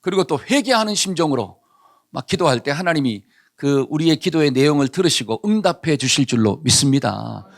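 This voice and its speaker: A man's voice: a little high, expressive, brisk, gravelly. A male pastor preaching a sermon, telling a story and asking the congregation questions that he answers himself.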